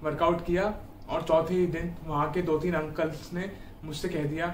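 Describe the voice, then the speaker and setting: A man's voice: fairly high pitch, little pitch movement, moderate pace, slight background noise. A man in his twenties from India, giving earnest, encouraging fitness advice straight to the camera from a small room at home. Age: 20s. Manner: earnest, encouraging, addresses viewers directly. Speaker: fitness YouTuber. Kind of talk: casual advice talk to camera. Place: small indoor room at home, seated on a bed. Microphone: camera a few feet away. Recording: echoey room audio from a distant camera mic.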